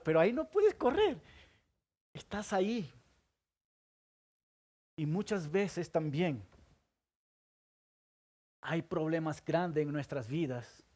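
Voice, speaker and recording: A man preaches a sermon as a pastor, repeatedly questioning the congregation and answering his own questions. His voice shifts between loud emphasis and soft, low asides.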